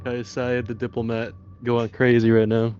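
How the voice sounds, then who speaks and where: Mid-pitched man joking at game table. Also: completely flat delivery, moderate pace, darkish tone, dull audio, soft background music. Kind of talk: casual joking table chat.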